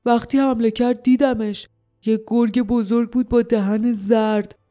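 A hulking male warrior growls his lines with a grumbling, hot-tempered edge, as a woman puts him on. The tone is dark and mellow. It is a storybook reading. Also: a little high, steady tone, faint music behind, lightly acted. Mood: grim. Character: gruff hulking male warrior, quick to anger.

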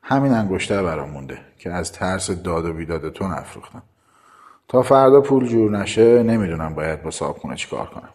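A man voicing a tender young woman in a told story, pleading and sweet, with his voice lifted higher. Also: lively intonation. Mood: weary. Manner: soft, sweet and coaxing.

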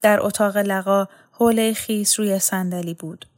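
A woman narrating a story in a calm, measured reading voice. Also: mid-range voice. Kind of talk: audiobook narration.

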